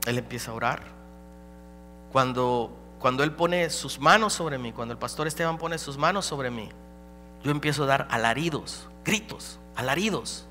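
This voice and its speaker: A man preaching a dramatic personal testimony as a pastor, swinging between loud and hushed. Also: medium pitch, moderate pace, faint music behind. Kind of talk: sermon testimony. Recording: live hall recording with reverb and hum.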